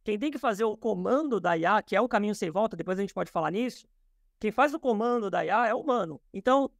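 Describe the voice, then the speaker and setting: A man's voice: sits high, vocal fry, no echo, studio quality. A man from Brazil, a podcast guest, explaining ideas in a thoughtful way with many fillers and restarts, speaking from his office over a video call. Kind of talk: explanatory interview talk.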